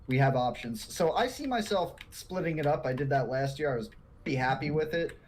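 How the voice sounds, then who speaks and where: A man co-hosting a podcast in casual chat, animated and quick to laugh, often repeating words. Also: fairly high pitch, a little hiss or hum. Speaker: podcast co-host.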